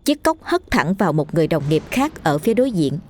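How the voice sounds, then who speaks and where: A woman reading a ghost story aloud in a steady, measured way. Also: fairly low pitch. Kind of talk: scripted ghost story narration.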